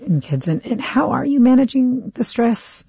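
A woman's voice: fairly high pitch, very animated, normal speed, vocal fry, warm tone, slightly rough, dry recording, dull audio. A woman hosting a news interview, asking short, direct questions. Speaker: host.

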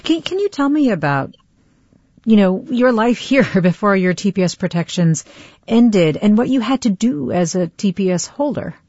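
A woman's voice: mid-range voice, animated, normal speed, a little mellow, no room sound, dull audio. A woman hosting a news interview, asking short, direct questions. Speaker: host.

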